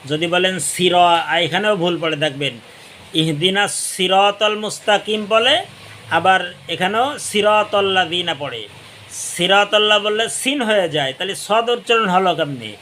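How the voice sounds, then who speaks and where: A man teaching Quran reading, spelling letters slowly, then explaining in quick bursts, sometimes chanting verses melodically. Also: sits high, sharp tone, slight background noise.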